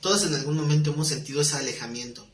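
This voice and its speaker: A male preacher, his voice sitting a little higher than most men's. He preaches in an easy, conversational way, asking rhetorical questions and dropping in small jokes. The roomy sound of the hall comes through in the recording. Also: rapid-fire. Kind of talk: live sermon. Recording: roomy live-stream audio.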